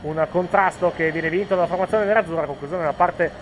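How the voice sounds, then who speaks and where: A man commentates a football match informally and live. His voice sits fairly high, and he hesitates and corrects himself. Faint urban noise is audible behind him. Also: quick pace, rough recording.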